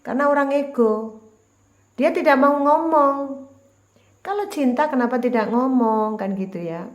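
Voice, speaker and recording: Woman doing a tarot reading, kinda high voice, chatty and repetitive, roomy echo. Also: measured pace. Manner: chatty, repetitive, addresses the viewer directly. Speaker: tarot reader. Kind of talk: casual general tarot reading monologue.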